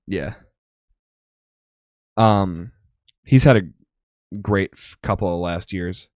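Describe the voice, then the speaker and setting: A man's voice: deep voice, slow, no echo, studio quality. A young man co-hosting a podcast, chatting casually and rambling with lots of ums. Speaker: podcast co-host. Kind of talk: casual chat.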